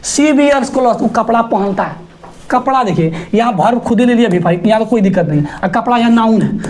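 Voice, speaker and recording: This exam-prep grammar teacher, a man, talks fast in a very high-pitched voice and keeps things lively and teasing. Rhetorical questions serve as his scolding, and he spells out words one letter at a time.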